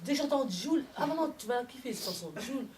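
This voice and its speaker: A woman's voice: a little high, fast talker, very noisy. A middle-aged woman from France doing a chatty stand-up comedy set, acting out bits of dialogue. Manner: chatty, animated storytelling, acts out dialogue. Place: comedy club stage. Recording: comedy club with loud audience laughter. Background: audience laughing.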